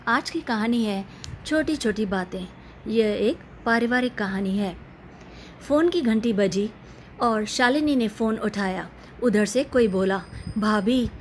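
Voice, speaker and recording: Woman storyteller, fairly high voice, calm scripted family-story narration. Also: a little hiss or hum.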